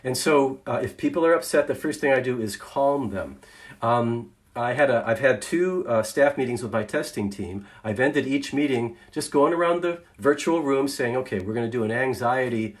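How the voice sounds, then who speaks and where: A middle-aged man giving an informal faith-based talk on leadership as a consultant, quick at times and then slow and deliberate for emphasis. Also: mid-range voice.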